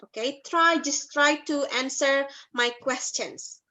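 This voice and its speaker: A woman with an Indonesian accent teaching a beginner language class over a video call, patient and slow, mixing English and Indonesian. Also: sits high, sharp tone.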